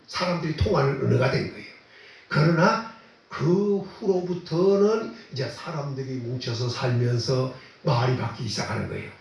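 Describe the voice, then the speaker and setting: A man's voice: medium pitch, moderate pace. A man, a pastor, gives a sermon in a conversational way, asking rhetorical questions and repeating phrases for emphasis. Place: church sanctuary. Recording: very echoey and distant from the mic.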